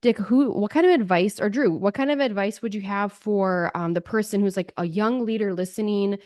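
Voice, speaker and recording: This is a woman from North Dakota co-hosting a podcast. She talks in a mid-range voice, chatty and a little rambling, thinking aloud with lively asides. The sound is dry and close to the mic. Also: mid-range voice, normal speed, dry recording. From North Dakota, USA. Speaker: podcast co-host. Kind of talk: conversational podcast interview.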